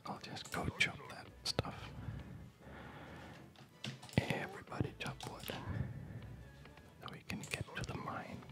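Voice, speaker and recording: Whispering as they play a video game, a weary ASMR host rambles through casual remarks in hesitant, loosely strung-together phrases.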